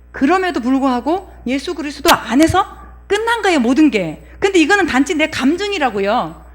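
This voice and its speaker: A middle-aged woman pastor preaching a sermon in a conversational way, acting out inner voices and putting questions to her listeners. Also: high-pitched.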